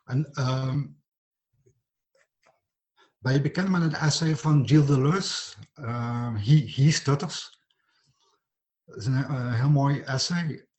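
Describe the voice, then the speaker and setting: A man, a writer, talking reflectively in a slow, halting way, stuttering and restarting often. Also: medium pitch, a little mellow. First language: not English; writes in English. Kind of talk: reflective conversation.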